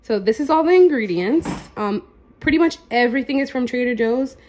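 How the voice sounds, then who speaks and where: A woman in her twenties, chatty and relaxed, walking through a meal prep in her home kitchen. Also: fairly high pitch, a little fast, lo-fi sound. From United States. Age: 20s. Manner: chatty, relaxed, lots of fillers. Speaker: lifestyle vlogger. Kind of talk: casual how-to vlog.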